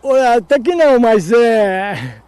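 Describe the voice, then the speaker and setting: A man's voice: extremely high pitch, big pitch swings, a little slow, a little mellow, clean tone, no room sound. A man who plays the cattle horn, answering a reporter outdoors at a farm fair in a folksy, laughing, rambling way. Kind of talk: casual interview answers.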